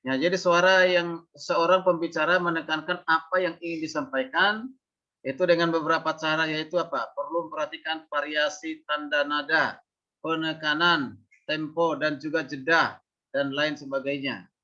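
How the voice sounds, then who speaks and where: A man lecturing a seminary class on how to preach, his voice fairly high and bright. He talks loosely, with many fillers, and breaks into example questions to show pitch rising and falling. The recording is dull and lo-fi. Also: steady tone, normal speed. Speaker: homiletics lecturer.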